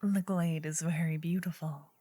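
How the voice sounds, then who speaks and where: A woman playing a gentle, earnest druid in an ASMR role-play, her soft female voice slipping between breathy soft voice and low murmur. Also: steady tone, no echo. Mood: wistful, earnest. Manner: slow, gentle, intimate female voice with pauses. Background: soft medieval ambience and music.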